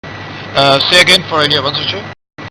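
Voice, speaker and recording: A man working as a pilot on a virtual flight network, reading back air traffic control instructions in quick, clipped phrases over a headset radio, with occasional hesitant fillers. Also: on the high side, fairly even intonation. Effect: pilot radio transmission over a headset. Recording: noisy radio transmission.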